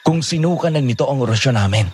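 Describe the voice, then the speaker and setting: A man playing a secretive young man who gives hushed, urgent warnings in a horror audio drama. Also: medium pitch, expressive, quick pace, breathy edge. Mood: grave.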